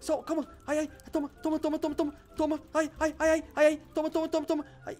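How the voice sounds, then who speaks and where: A man's voice: very high-pitched, fast. A man in a Minecraft role-play, flustered and repeating himself as a clumsy hero. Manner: flustered, repeats "calma" and "meu Deus". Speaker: YouTuber playing a clumsy poor hero.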